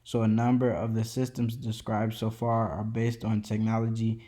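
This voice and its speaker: Narrating an educational presentation, a student presenter speaks in a lowish, mellow voice at a moderate pace, with a completely flat delivery that barely rises or falls. He reads his script steadily but now and then trips over a word and starts it again.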